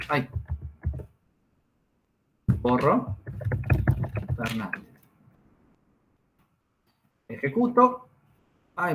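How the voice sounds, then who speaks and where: A slight hiss or hum accompanies a male teacher whose medium-pitched voice is a bit bright. He leads the classroom lesson step by step, using tag questions to check on his students.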